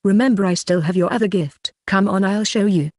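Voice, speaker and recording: A storybook reader voicing a composed, authoritative ancient sorceress who is also a mother, speaking calmly and instructively. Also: medium pitch, fairly quick, dry recording, natural voice. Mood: teasing. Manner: calm, instructive.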